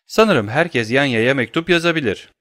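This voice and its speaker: A man's voice: medium pitch, expressive, moderate pace, fairly bright tone, no room sound, clean studio sound, voice pushed up, close to an everyday voice. A man voicing a frightened, indignant banker. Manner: defensive, protesting, agitated. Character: middle-aged banker, frightened yet indignant. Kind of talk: audiobook character reading.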